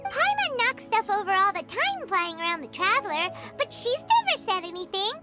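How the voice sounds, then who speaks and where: A woman voicing a tiny, loud, excitable floating girlish companion who talks about herself in the third person. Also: moderate pace. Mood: chatty. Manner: refers to herself in third person, squeaky and bouncy. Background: game music.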